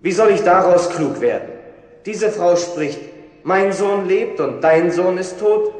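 A just king on his judgment seat, calm and commanding, in a biblical radio play. His voice sits high. It rings with a long hall echo. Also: measured pace.

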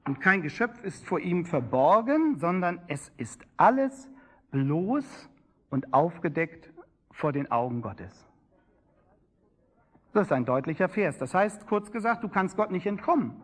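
Male preacher, fairly high voice, emphatic sermon delivery with swelling and dropping phrases. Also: very animated, a little slow, slightly rough. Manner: emphatic, rising and falling preaching cadence.

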